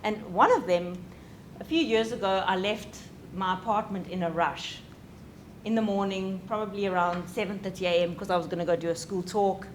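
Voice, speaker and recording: A young adult woman giving a talk on parenting. She speaks in a lively, conversational way and often checks in with the audience. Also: mid-range voice, moderate pace, slight background noise. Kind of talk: lecture.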